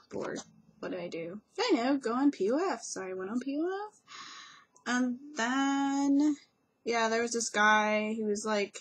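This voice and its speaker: A young woman vlogging casually, rambling through a story with lots of fillers and self-corrections, acting out what people said. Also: medium pitch.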